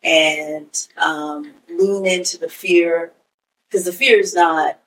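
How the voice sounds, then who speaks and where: A woman in her forties who grew up in Kenya, a podcast guest telling stories in a relaxed way with frequent "you know". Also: fairly low pitch, takes it slowly, far from the mic, rough recording. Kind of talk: casual conversation.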